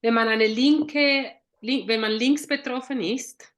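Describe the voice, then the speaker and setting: A woman therapist reflects on clinical experience in a casual discussion. She thinks aloud, trailing into fillers and correcting herself, in a slightly high voice. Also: slow. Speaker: therapist in a journal club.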